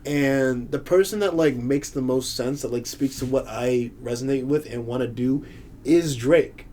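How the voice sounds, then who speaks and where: A young man co-hosting a podcast, talking earnestly and haltingly in casual chat. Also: medium pitch, warm tone, slight background noise. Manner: earnest, halting, many fillers. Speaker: podcast co-host.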